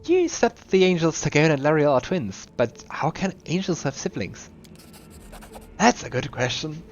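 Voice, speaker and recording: A man's voice: fairly high pitch, very animated, moderate pace, a little hiss or hum, voice pushed up. A man reading as a rambling old custodian. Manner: rambling, wandering questions. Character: old, confused male museum custodian, rambling. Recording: slightly dull lo-fi recording. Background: faint game music.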